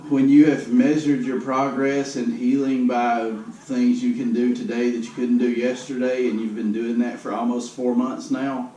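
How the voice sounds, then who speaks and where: A man with a mellow, relaxed tone gives a casual, matter-of-fact personal update, sounding downbeat and resigned. He is picked up from a distance in a roomy space, with faint noise behind him. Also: mid-range voice, moderate pace, hardly any pauses. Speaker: vlogger giving a personal health update. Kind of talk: casual spoken video update. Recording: roomy, noisy, distant camera microphone.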